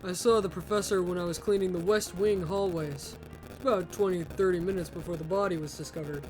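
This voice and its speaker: A woman's voice: lowish voice, fairly even intonation, brisk, a little mellow, voice pushed down, lightly acted, poor audio. Woman doing a laid-back male janitor. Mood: nonchalant. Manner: casual, shrugging delivery.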